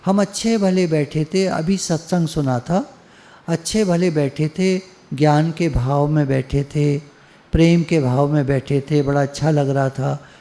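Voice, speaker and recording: A man's voice: on the high side, dark tone. A man telling a parable and drawing a spiritual lesson in a plain, conversational way. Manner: plain conversational storytelling, repetitive. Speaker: spiritual speaker. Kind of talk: spoken parable and satsang talk.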